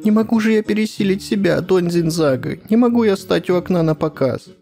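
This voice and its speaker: A man reading aloud puts on a young wife near tears, her voice pushed high and shrill, pleading hard, sobbing through every line. The tone underneath stays mellow, and faint guitar plays behind the story. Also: brisk, creaky. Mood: tearful pleading. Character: hysterical young German woman, artist's wife.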